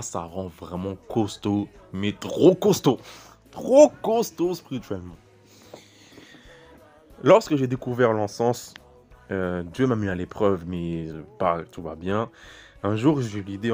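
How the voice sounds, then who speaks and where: A young man with a fairly low voice preaches in a loose, conversational way, telling his own story. He circles back, repeats words and restarts his sentences, speaking directly to the listener. Soft music plays faintly behind him. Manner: rambling, repeats words and restarts phrases often; talks straight to the listener, casual and chatty. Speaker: preacher styling himself a prophet. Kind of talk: informal spiritual teaching and personal testimony.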